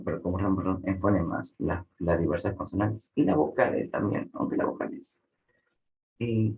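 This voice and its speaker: A man with a Peruvian Spanish accent teaching a language class, checking in with students often and filling pauses with "este". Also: deep voice, vocal fry, darkish tone, dull audio. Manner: explains with frequent checks like "¿no?" and fillers "este". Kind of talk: online class lecture.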